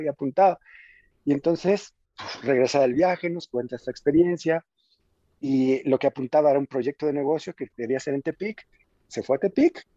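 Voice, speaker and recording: A man telling a story and musing in casual conversation, animated and emphatic, often restarting his phrases. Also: medium pitch, no room sound. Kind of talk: storytelling and reflective chat. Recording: dull muffled audio.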